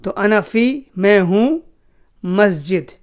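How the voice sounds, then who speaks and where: A man teaching a spoken language lesson, slowly repeating each phrase for learners. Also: high-pitched, animated. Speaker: Arabic teacher.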